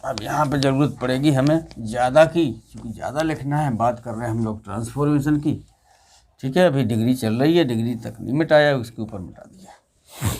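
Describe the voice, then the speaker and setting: A man's voice: mid-range voice, a little fast, darkish tone. Man teaching an English grammar lesson. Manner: asks students questions and repeats the answers.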